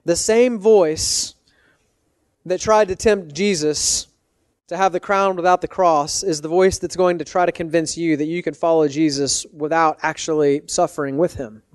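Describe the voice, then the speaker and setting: A man preaching a sermon as a pastor, speaking earnestly and emphatically, with deliberate phrasing and direct appeals to his listeners. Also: a little high, fairly even intonation, clean tone, no room sound, clean studio sound.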